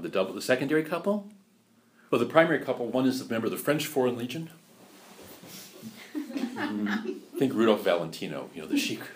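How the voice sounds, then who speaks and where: A man giving a lecture, chatty and animated, often asking rhetorical questions and laughing at his own points. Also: fairly low pitch. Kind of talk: lecture on musical theater history.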